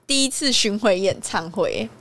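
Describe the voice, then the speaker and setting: A woman's voice: mid-range voice, lively intonation, moderate pace, a bit bright. A young woman from Taiwan with a Taiwanese Mandarin accent, co-hosting a podcast in playful, giggly chat. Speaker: podcast co-host. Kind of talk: casual chat.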